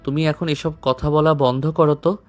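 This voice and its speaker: A woman voicing a wounded young man who speaks slowly through his pain, a storybook hero in a hospital bed. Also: low voice, steady tone, faint music behind, pitched below the performer's own voice, close to an everyday voice. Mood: firm, pleading. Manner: slow, strained from pain.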